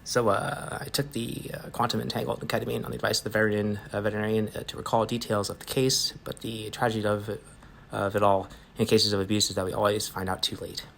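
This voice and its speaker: A rambling, boastful stoner man who trips over fillers as he rushes on, read by a man in his own low voice. He speaks fast and low. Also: level tone, creaky, a bit bright, slight background noise. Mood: dazed.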